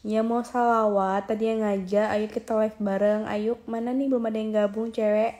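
A woman's voice: medium pitch, little pitch movement, normal speed, mellow. A young woman in her twenties from Aceh, chatting casually on a phone live stream while lying in bed, reading viewer comments aloud and coaxing them to join her. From Aceh, Indonesia. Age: 20s. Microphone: phone held at arm's length.

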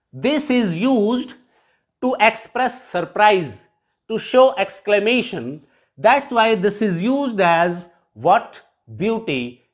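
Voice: mid-range voice, a bit bright. A teacher with an Indian English accent giving a televised classroom grammar lesson, repeating each example as a question and its answer.

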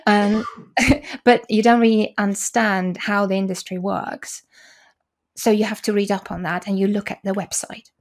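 Speaking at a normal speed in a level, medium-pitched tone, this guest interpreter is a native Polish speaker in her forties. She explains with care but frequently restarts and fills pauses, with the occasional laugh. The audio comes from a video call desk mic in a small room.

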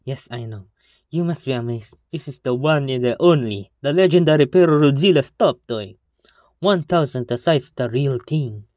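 Woman doing a smooth, boastful shopkeeper pitching goods, in a deep voice. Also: expressive, moderate pace, darkish tone, no room sound, clean studio sound. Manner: salesman's patter. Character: sly smooth-talking shop owner. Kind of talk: fan voice-over of a game story.

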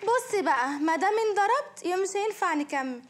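A flirty Egyptian mistress. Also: female voice, extremely high pitch, animated, quick pace, background noise. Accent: Egyptian Arabic. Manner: flirty, drawling. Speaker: actor. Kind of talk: TV drama acting.

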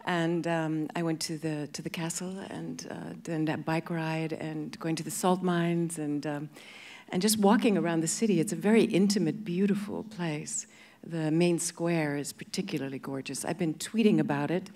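Woman with a low voice on stage. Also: fairly even intonation, moderate pace, darkish tone. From born in England, grew up in Canada. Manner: hesitant, many restarts and fillers. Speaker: guest actress. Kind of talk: on-stage interview. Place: large festival stage before an audience. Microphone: handheld mic.

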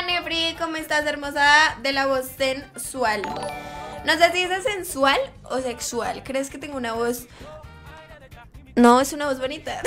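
A young woman with a very high, squeaky voice and a bright, sharp tone, chatting casually on a live stream. She reads her chat aloud, giggling and teasing her viewers. Soft music plays faintly behind her.

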